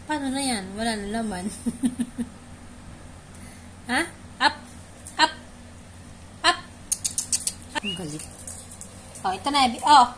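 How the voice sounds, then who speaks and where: A woman's voice: on the high side, lively intonation, slow pace, long pauses, background noise. A woman playfully teasing her pet dog, repeating short commands and questions in a coaxing way. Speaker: pet owner.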